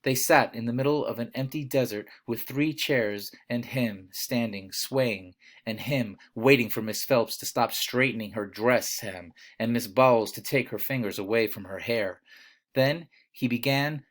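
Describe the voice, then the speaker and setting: A man reading a novel aloud in an even, measured voice. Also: mid-range voice. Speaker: audiobook reader.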